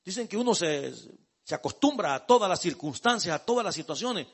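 A male pastor preaches in a high, gravelly voice that swings widely in pitch. He talks to the congregation like a brother, then builds to loud, emphatic peaks. His tone stays husky and rough. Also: lively intonation, fairly quick. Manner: addresses listeners as brother. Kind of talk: sermon.

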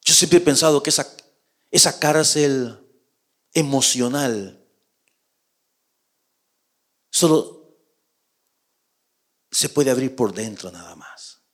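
A man with a mid-range voice delivers a sermon, calling the listener his brother. His delivery alternates between quiet, unhurried passages and forceful, loud bursts.

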